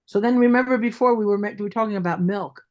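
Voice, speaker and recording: A woman with a Brooklyn accent talks as an interview guest. She speaks emphatically, often repeating words to drive her point home. Her voice sits at an average pitch for a woman. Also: quick pace, darkish tone. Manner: emphatic, repeats herself for stress. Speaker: dentist guest.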